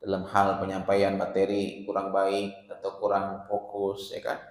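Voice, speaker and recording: A man's voice: low voice, monotone, unhurried. Man preaching in an echoey mosque hall. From Indonesia. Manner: conversational, asks the audience questions. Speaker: ustadz giving a mosque study lecture. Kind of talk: casual sermon with Arabic quotations.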